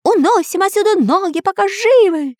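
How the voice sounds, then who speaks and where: A woman's voice: medium pitch, animated, fairly quick, vocal fry, dry recording, studio quality. A woman voicing a cowardly male robber who stutters and shrieks in fright. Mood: terrified.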